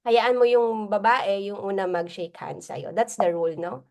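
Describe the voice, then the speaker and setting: A woman's voice: mid-range voice, unhurried, vocal fry, a little mellow. A woman with a Filipino accent giving a casual sales training talk, mixing Tagalog and English and laughing at her own jokes. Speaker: business mentor.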